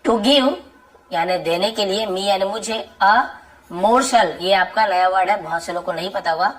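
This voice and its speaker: Woman slowly explaining English phrases. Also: medium pitch, low-quality recording. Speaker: English teacher. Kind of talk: spoken English lesson in Hindi.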